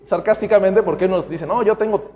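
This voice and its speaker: A man's voice: high-pitched, a little fast, mellow. A man preaching a sermon as pastor, with a conversational style, acting out the voices of the people he quotes. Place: church sanctuary. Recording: long church hall reverb.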